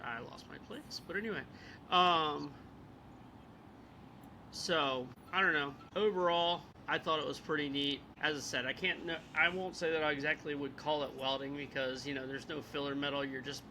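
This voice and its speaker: A man's voice: fairly high pitch, steady tone, moderate pace, bright, forceful tone, a little hiss or hum, rough recording. A man co-hosting a podcast, explaining things in a rambling casual way, laughing often and losing his place. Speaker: podcast co-host. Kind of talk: casual chat.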